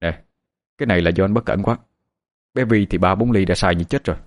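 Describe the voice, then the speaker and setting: A man voicing a steady older male leader, talking in a gruff, matter-of-fact way. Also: low voice, fast. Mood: earnest. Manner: gruff, matter-of-fact big-brother talk.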